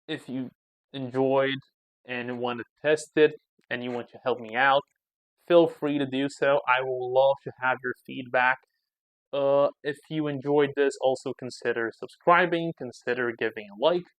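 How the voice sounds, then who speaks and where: A man's voice: mid-range voice, fairly even intonation, normal speed, dry recording. A man talking through his own coding session as channel host, thinking aloud and muttering commands as he types. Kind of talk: casual coding screencast commentary.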